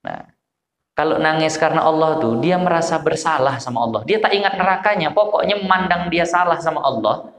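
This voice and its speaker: A male preacher with a Medan Malay accent, giving an informal religious lecture at a village gathering, telling stories with lively voices. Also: brisk. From Medan, Indonesia. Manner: animated storyteller, acts out prayers in low voices. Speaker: Islamic preacher. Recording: echoey hall with long reverb.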